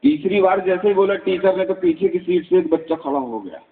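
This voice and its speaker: A man's voice: high-pitched, fairly quick. A man doing live stand-up comedy as a mimicry artist, telling jokes and acting out the dialogue himself. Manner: animated storytelling, acting out dialogue in quotes. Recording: tinny phone-like sound.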